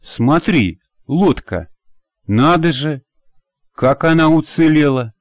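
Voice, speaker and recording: A man voicing a fiery, quick-tempered young woman in an audiobook, speaking in a sharp, commanding way. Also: medium pitch, lively intonation, dry recording, clean studio sound, lightly acted. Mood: surprised.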